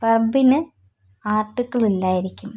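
A woman teaching German grammar rules in Malayalam, who spells out examples slowly and deliberately. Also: fairly high pitch. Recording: slightly dull lo-fi audio.

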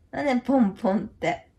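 Sketch role: actress as a lively, blunt young ex-host-club regular, casual and slangy. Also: female voice, high voice, gravelly, slightly rough, exaggerated voice. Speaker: comedy sketch actor. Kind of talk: comedy sketch dialogue.

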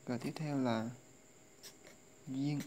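Slow-drilling tutor. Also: medium pitch, fairly even intonation, dark tone, a little hiss or hum. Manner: slow drilling recitation of readings, repeated over and over. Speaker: language tutor. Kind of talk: casual tutorial lesson.

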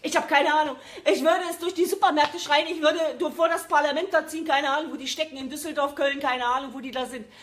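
A woman's voice: sits high, fairly even intonation, fast, few pauses. A woman from Germany in an agitated live-stream rant to her viewers, repeating phrases for emphasis. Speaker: vlogger addressing viewers.

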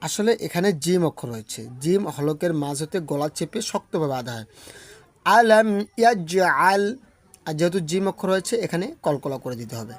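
A man's voice: fairly high pitch, lively intonation, a little mellow, no room sound. A man teaching Quran recitation, patiently explaining correct pronunciation and correcting common mistakes. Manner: demonstrates recitation in slow drawn-out chant.

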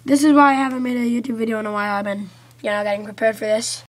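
A woman's voice: on the high side, level tone, racing. A woman giving casual unboxing commentary for a gaming video, sniffling from a cold, on an amateur home recording. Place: carpeted room at home.

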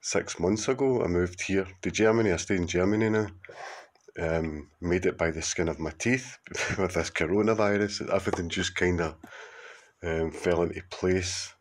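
At a moderate pace and in a low-sitting voice, a Glaswegian man in his fifties from Scotland speaks casually to camera for a contributor video message. His speech is rambling and hesitant, peppered with fillers and restarts.

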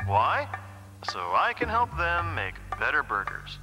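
A smug, cocky ad mascot. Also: male voice, fairly high pitch, huge pitch swings, unhurried, music in the background. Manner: smug, sarcastic, self-assured. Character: cocky mascot, grown man with ball head, smug. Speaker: ad spokesman. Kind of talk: scripted TV ad spokesman.

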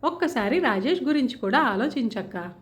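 Woman reading a gentle pleading village father. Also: high-pitched, animated, moderate pace. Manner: earnest, hesitant pleading.

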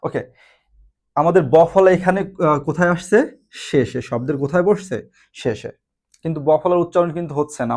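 A man teaching a grammar lesson slowly and deliberately, repeating examples and asking rhetorical questions. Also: fairly high pitch, a little mellow.

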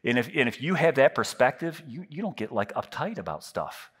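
A pastor in his fifties preaches from a large church stage with a lit backdrop, wearing a headset mic. His medium-pitched voice is husky and fairly bright, swinging widely in pitch at a slightly quick pace. He's loose and self-deprecating, restarting often.

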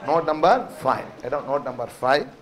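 A man with a South Indian accent and a notably high voice gives a classroom lecture. He explains step by step, throwing out rhetorical questions and frequent check-ins as he goes. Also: lively intonation, moderate pace. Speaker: accountancy teacher.

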